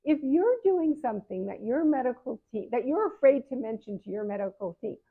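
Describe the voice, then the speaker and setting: Fairly high-pitched, animated, and fairly quick, a seventy-year-old woman gives her viewers straightforward advice as a patient advocate in a casual talk to camera. She regularly corrects herself mid-sentence, and the audio is phone-like and narrow.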